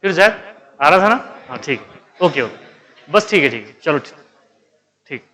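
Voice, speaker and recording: A male chemistry teacher with a slightly high, bright, forceful voice lectures at normal speed but in a very animated way. He poses questions to the class, answers them himself, and scolds inattentive students.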